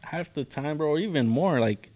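A man's voice: on the high side, animated, moderate pace, a little mellow. A young man who works with clients in mental health, chatting casually as a podcast guest, cursing freely and saying "dude" and "bro" all the time. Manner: slangy and profane, says "dude" and "bro" constantly. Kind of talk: casual chat.

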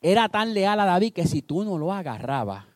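A man preaching a sermon, telling a story with animated delivery and acting out the characters. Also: high-pitched, moderate pace, dry recording, studio quality.

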